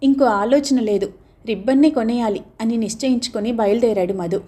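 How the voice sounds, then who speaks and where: A woman's voice: a little high, brisk, warm tone. A woman narrating a novel aloud as an audiobook reader. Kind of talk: scripted narration.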